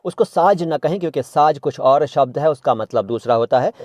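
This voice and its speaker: A man's voice: on the high side, lively intonation, brisk, a little mellow, dry recording, clean studio sound. A man hosting a casual Hindi and Urdu language lesson, playfully repeating words to correct pronunciation and humming bits of old songs. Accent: Indian Hindustani. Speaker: language teacher and channel host.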